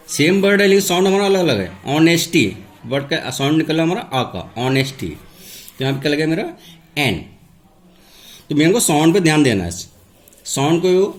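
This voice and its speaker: A man teaching English grammar. He asks a question and then answers it himself. He repeats each key word slowly, like a classroom teacher. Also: on the high side. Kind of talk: classroom lesson, step-by-step explanation.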